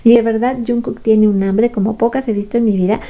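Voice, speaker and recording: A woman's voice: fairly high pitch, fairly even intonation, a little fast, mellow. A woman giving a chatty, playful recap of a show, acting out quoted lines as she goes. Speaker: fan recap commentator. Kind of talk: casual recap commentary.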